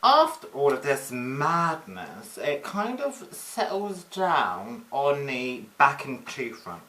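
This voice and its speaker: A sassy drag-queen commentator with a bright, punchy voice. The delivery is mocking and theatrical, recapping online drama like juicy gossip, in a medium pitch that sits between male and female. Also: huge pitch swings, slow pace. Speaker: video commentator.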